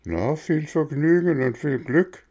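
Man doing a fat little coachman, soft flattering tone, raised pitch, storybook reading. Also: slow pace. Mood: coaxing. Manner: soft, coaxing and wheedling.

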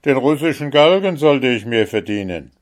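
A man's voice: medium pitch, expressive, moderate pace, voice pushed up, close to an everyday voice. A man voicing a clever young prince in a fairy tale, confident and matter-of-fact.

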